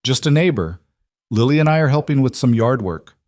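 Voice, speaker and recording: A man's voice: medium pitch, expressive, fairly quick, a little mellow, no echo, clean studio sound, pitched above the performer's own voice, natural voice. A man voicing a guarded, weary single father in a storybook reading. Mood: reserved.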